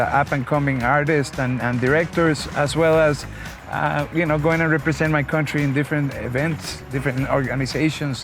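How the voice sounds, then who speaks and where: A man from Costa Rica speaks as an interview guest, friendly and talkative, often restarting his sentences. His voice sits a little high, and music plays clearly behind him. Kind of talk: conversational interview. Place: outdoors in a vehicle.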